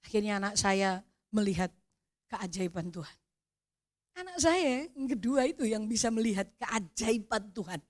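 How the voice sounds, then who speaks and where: A middle-aged woman with a Javanese accent giving an animated sermon testimony, calling out to the congregation and swelling to near-shouts. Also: mid-range voice, normal speed. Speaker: preacher.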